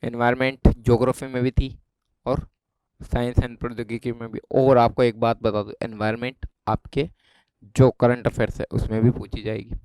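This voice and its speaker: Man, Rajasthani Hindi accent, exam-prep teacher, casual explaining, keeps asking "clear?", resonant, dry recording. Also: mid-range voice, little pitch movement, normal speed, darkish tone, dry recording. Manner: chatty, keeps checking with students. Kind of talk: informal exam lesson.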